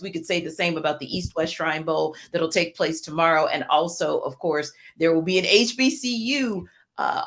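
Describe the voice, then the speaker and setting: A woman co-hosting a sports podcast, speaking in an articulate, measured and earnest way. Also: lowish voice. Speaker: podcast co-host. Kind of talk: casual sports podcast talk.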